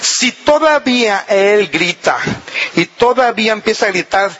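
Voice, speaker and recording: A man's voice: sits high, lively intonation, measured pace, fairly bright tone, muffled recording, slight background noise. A man preaching a sermon in a folksy, humorous way, acting out little scenes as he teaches.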